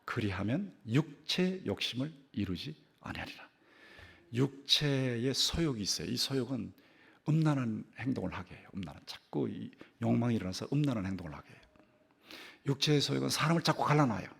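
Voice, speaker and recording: A man's voice: mid-range voice, brisk, creaky, husky. An older man preaching a sermon as a church pastor, telling a story with repeated phrases and sudden rises and drops in his voice. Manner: animated storytelling with repeated phrases, voice rising and dropping sharply. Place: church sanctuary.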